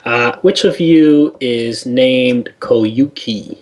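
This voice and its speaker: A man voicing a brisk male employer who hires adventurers for a tabletop game, speaking in a hurried, businesslike way. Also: mid-range voice.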